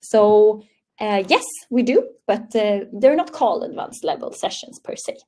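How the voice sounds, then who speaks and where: A young Swedish woman, English her second language and her accent Swedish, hosts a live online training webinar over a webcam call. Her mid-range voice is expressive and mellow at a measured pace. She stays friendly and upbeat while reading out audience answers.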